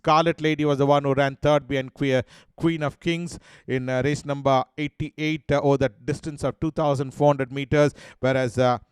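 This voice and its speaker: A man with an Indian English accent presenting a horse racing preview, working through each runner's form in a steady, listing way with many "uh" fillers. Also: medium pitch, moderate pace, smooth, no room sound. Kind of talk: race preview commentary over replays.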